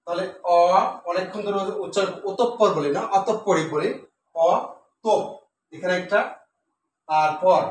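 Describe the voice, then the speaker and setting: Male teacher, high voice, patient step-by-step explanation with fillers, recorded from a distance. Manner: explains step by step, repeats words slowly with many "uh" fillers. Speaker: Bengali teacher. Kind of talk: classroom lesson on pronunciation. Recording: echoey room, voice from a distance, faint noise.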